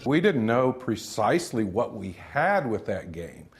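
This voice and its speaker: A man's voice: medium pitch, sing-song, measured pace. A man, a game developer, recalling his studio days in a rambling, conversational interview. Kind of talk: interview recollection.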